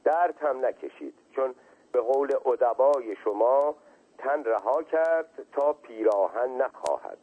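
A man voicing an eager, evasive young male servant in a husky voice, heard as a tinny radio reading. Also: medium pitch, animated. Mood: soothing. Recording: tinny phone-like radio sound.

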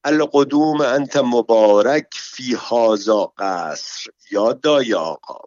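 A man reading a story, voicing a nosy and vengeful palace woman who speaks slow, heavily stressed broken Arabic. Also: mid-range voice, a little mellow, no echo, close to an everyday voice. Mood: prying. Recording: dull, dry recording.

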